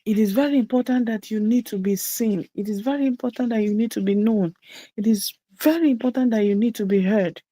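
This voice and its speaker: Talking a little fast in a higher, mellow voice, a female visibility coach motivates a group during a teaching session. She is emphatic and repeats key phrases to drive them home, and the recording carries no room sound.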